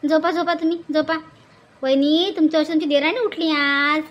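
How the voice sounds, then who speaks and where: A woman's voice: sits high, fairly even intonation, a little fast, a bit bright, lo-fi sound. A woman playing a bossy village woman who keeps nagging her sister-in-law in a comedy skit. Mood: coaxing. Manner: insistent, scolding, repeats urgings. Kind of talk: comedy sketch acting.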